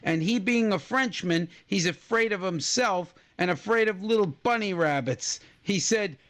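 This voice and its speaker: A man co-hosting a comedic trivia podcast, telling odd facts with a jokey, drawn-out delivery. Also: sits high, a bit bright. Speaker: podcast co-host.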